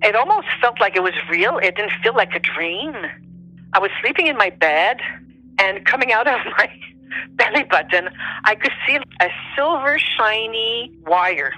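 A woman's voice: medium pitch, expressive, a little slow, bright, forceful tone, dry recording, low-quality recording. A woman who is not a native English speaker tells personal stories conversationally, searching for English words as if translating in her head. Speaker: interview guest telling personal stories.

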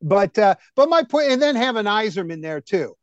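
A man co-hosting a hockey talk show, rambling excitably and full of fillers and restarts. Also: high voice, normal speed, dry recording, dull audio. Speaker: co-host. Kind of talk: casual sports chat.

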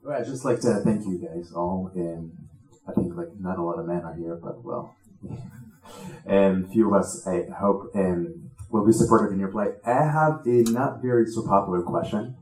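A man from Tunisia asking a question from the audience, hesitant with many pauses and ums. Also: low voice, darkish tone, roomy sound, rough recording.

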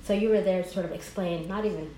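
A Somali American woman from Somaliland, raised in the United States and now directing an NGO, tells her story in a conversational interview. She is animated and warm, uses many fillers, and talks fast in a lowish voice; the room is echoey with faint noise.

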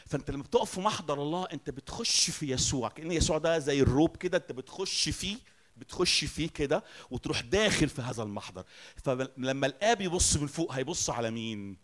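A man with an Egyptian Arabic accent preaching a sermon. He asks the congregation questions and answers them himself, moving between loud declarations and soft, quiet lines. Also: a little high, lively intonation, fast.

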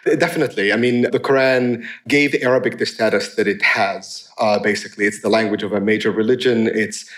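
Animated man giving a lecture. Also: on the low side, fairly quick, few pauses. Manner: animated, full of "you know" fillers, wry humor. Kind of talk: academic conference talk. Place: lecture room before an audience.

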